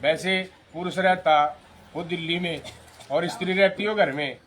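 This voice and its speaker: A man's voice: a little high, fairly even intonation, measured pace, fairly bright tone. A man officiating a wedding as a priest, telling scripture stories, quoting Sanskrit verses and advising the couple directly. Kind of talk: religious storytelling discourse. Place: wedding ceremony.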